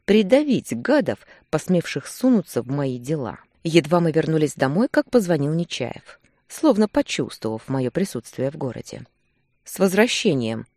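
Low-voiced woman narrating an audiobook. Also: normal speed, no echo, clean studio sound. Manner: expressive, first-person narration as a man. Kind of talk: scripted narration.

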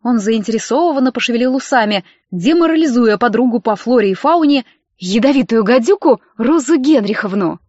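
A woman's voice: fairly high pitch, animated, a little fast, a little mellow, no echo, lo-fi sound. Woman narrating an audiobook, dry close sound. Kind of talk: first-person novel narration.

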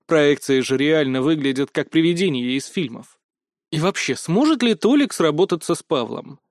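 A man's voice: on the high side, darkish tone, no room sound. Male audiobook narrator, raised voice, dry close sound, wry first-person storytelling.

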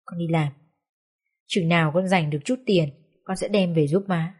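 A woman's voice: lowish voice, normal speed, a little mellow, breathy edge. A woman voicing a sorrowful young daughter who works as a servant, speaking earnestly through tears. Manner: earnest, tearful.

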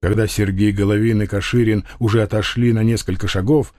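A man narrating an audiobook in a measured, grave reading. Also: fairly low pitch, steady tone, a little mellow, no room sound, clean studio sound.

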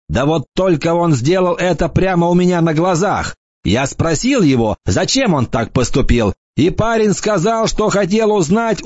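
A man's voice: high voice, a little mellow, dry recording, voice pushed up. A man voicing an angry farmer who speaks indignantly and emphatically. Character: angry accusing farmer gripping a boy. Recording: dull lo-fi dry recording.

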